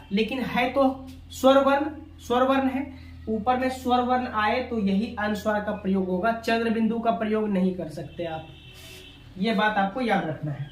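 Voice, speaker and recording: A man teaching an online exam-prep language lesson, asking questions and answering them himself, repeating key points. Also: very high-pitched. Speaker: Hindi teacher. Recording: echoey room with faint noise.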